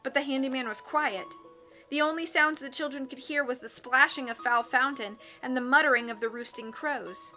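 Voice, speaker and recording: Woman reading a storybook aloud, bright tone, slightly high voice, faint music. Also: normal speed. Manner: steady, expressive narration. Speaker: audiobook reader.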